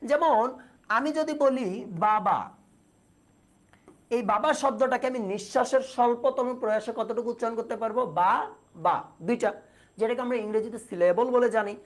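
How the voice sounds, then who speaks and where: Woman teaching a live online class. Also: a little high. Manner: explains patiently, asks questions, reads out student comments. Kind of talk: online exam-prep class.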